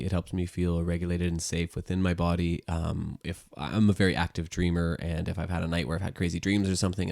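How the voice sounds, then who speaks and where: A man, a music teacher and sound therapist, gently explains a guided sound-healing exercise in calm, unhurried talk with frequent fillers. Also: deep voice, vocal fry, no echo, clean studio sound.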